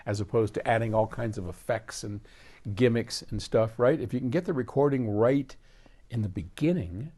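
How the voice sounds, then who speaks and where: Speaking at normal speed with a medium-pitched voice, an older American host answers audience questions casually. Explanations drift into stories and frequent digressions, told animatedly with quoted dialogue.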